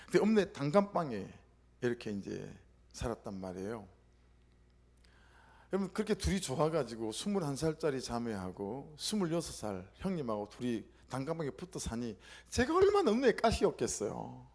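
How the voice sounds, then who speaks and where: A man's voice: medium pitch, normal speed. A middle-aged male pastor from southeastern Korea telling a personal story in a sermon, acting out the quotes as he goes. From South Korea, Gyeongsang region. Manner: animated storytelling with acted-out quotes.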